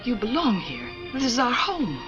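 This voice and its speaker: An actress playing a gentle, self-blaming young wife who speaks in a pleading, tearful way. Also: female voice, on the high side, huge pitch swings, moderate pace. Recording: dull 1950s TV soundtrack with music.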